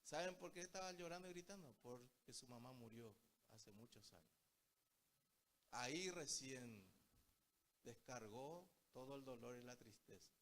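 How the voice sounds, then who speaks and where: With a measured pace and an expressive, fairly bright, medium-pitched voice, a Paraguayan preacher tells stories during his Bible study sermon. Time and again he speaks to his listeners as brothers.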